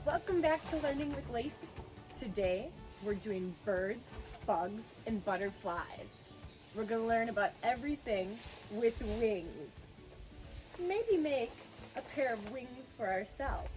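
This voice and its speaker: A woman's voice: fairly high pitch, expressive, a little slow, soft background music, rough recording. A woman hosting a children's lesson, talking playfully and directly to the kids watching. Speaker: children's educator and show host.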